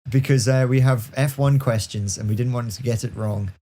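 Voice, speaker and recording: A man's voice: mid-range voice, fairly even intonation, normal speed, warm tone. A young man co-hosting a podcast, leaving a playful, mock-formal voicemail for a friend live on air. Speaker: podcast co-host. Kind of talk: leaving a joking voicemail on speakerphone.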